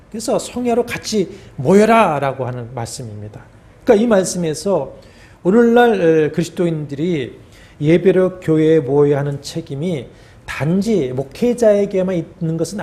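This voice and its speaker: Korean pastor preaching in a dark voice. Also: male voice, high-pitched. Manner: measured preaching with drawn-out pauses and fillers; voice drops at phrase ends. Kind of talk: sermon. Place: church sanctuary.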